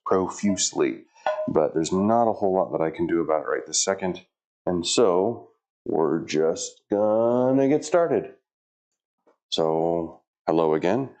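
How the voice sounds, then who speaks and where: A middle-aged fitness vlogger with a low, darkish voice talks casually to the camera in his home gym while setting up his workout. He's chatty and talks to himself, getting a bit flustered by equipment trouble.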